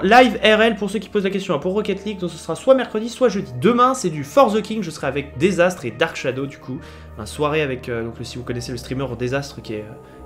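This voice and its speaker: A man streaming a game live, reading the story text aloud and chatting with viewers between votes. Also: on the high side. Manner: reads game text aloud, chats with viewers, laughs often.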